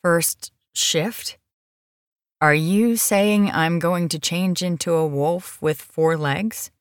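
A woman's voice: lowish voice, takes it slowly, clean tone, dry recording, studio quality. A woman voicing a blunt, caring young woman who talks firmly and directly. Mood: anxious. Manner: firm and direct.

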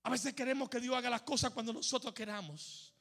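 A male pastor preaching a sermon, moving from soft talk to shouted, chanted lines, over music. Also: very high voice, a little fast, creaky.

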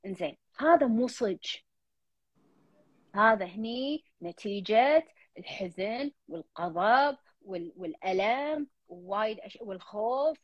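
A woman's voice: medium pitch, expressive, unhurried, dry recording. A woman host with a Gulf Arabic accent counseling a caller in earnest, repetitive talk, slipping English fillers in. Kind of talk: counseling call-in chat. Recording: dull lo-fi dry sound.

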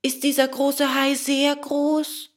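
Eine Frau spielt einen jammernden Holzpuppenjungen. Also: female voice, high voice, monotone, takes it slowly, voice pushed up. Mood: frightened. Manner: wailing, anxious. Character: young wooden puppet boy, frightened and whiny.

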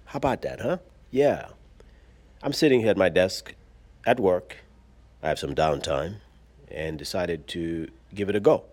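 Low-voiced man chatting into a smartwatch. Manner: relaxed, chatty and upbeat. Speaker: podcast host. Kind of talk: casual solo podcast talk. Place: desk at work. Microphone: smartwatch recorder.

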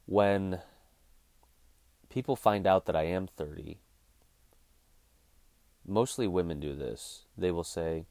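A podcast host in his thirties delivers a casual monologue on his own show, ranting bluntly and swearing freely. His voice sits low and warm, he speaks slowly with frequent pauses, and there's no room sound.

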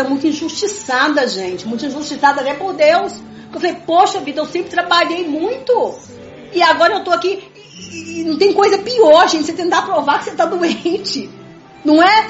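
A woman with a high voice speaks earnestly and emphatically about her faith in a conversational religious talk, repeating her points and constantly calling her listeners "gente". The room is reverberant, and the muffled, dull audio carries soft music beneath her.

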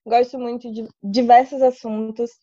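Casting: young woman co-host, higher but mellow voice, casual, on dull audio. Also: flat delivery, moderate pace, no echo. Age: early 20s. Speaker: podcast co-host. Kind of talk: casual self-introduction.

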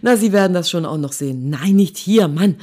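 Woman voicing a gruff grumbling male war reporter. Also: on the low side, animated, a little fast, warm tone. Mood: exasperated scolding. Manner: grumbling, exasperated, hisses and scolds. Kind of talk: audiobook reading.

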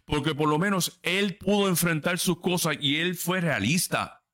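A man's voice: on the high side, normal speed, fairly bright tone. A man, hosting a casual podcast chat in a blunt, profane, emphatic way. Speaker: podcast host.

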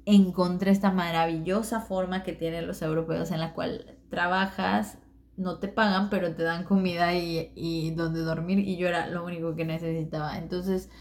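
Young woman, low-ish voice, candid personal storyteller. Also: flat delivery, normal speed, a little mellow, slight background noise. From Mexico. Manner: candid, reflective, many fillers.

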